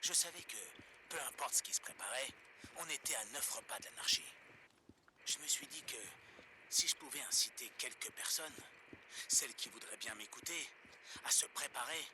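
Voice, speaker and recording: An actor playing a paranoid, preachy survivalist who broadcasts solemn monologues on pirate radio in a video game. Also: male voice, medium pitch, moderate pace, noisy background, close to an everyday voice. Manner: solemn, rhetorical. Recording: game music behind the voice.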